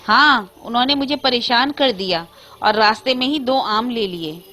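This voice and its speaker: A woman's voice: on the high side, moderate pace, sharp tone. A woman voicing an irritated, skeptical grown man who protests in exasperation, in a Hindi storybook tale. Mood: exasperated.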